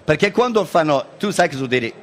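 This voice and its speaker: A man's voice: on the high side, expressive, a little fast, slight background noise. A man with an English accent, a native English speaker, chatting playfully on the radio as an English teacher and slipping English words into his Italian. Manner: playful, mixes English into Italian, acts out sounds. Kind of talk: casual radio chat.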